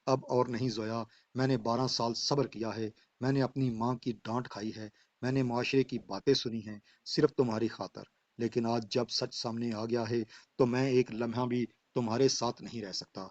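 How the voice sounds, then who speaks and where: A man's voice: medium pitch, steady tone, hardly any pauses, darkish tone, dry recording, lightly acted. A man voicing a betrayed husband who speaks in stern, accusing declamation. He reads the husband in a dull, dry lo-fi recording. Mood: resolute. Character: betrayed husband, bitter and unforgiving.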